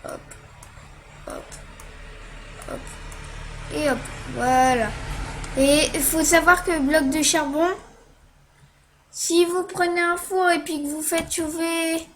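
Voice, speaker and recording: A woman's voice: high voice, steady tone, slow, pauses often, a bit bright, slight background noise. A woman talking through a casual game tutorial while she plays, hesitant, with many fillers and little "hop" sounds as she clicks.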